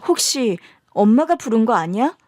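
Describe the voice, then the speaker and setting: A woman voicing a young adult daughter, a prosecutor, asking slow, hesitant questions in a radio drama. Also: fairly high pitch, sing-song, a little mellow, no room sound, studio quality. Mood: astonished.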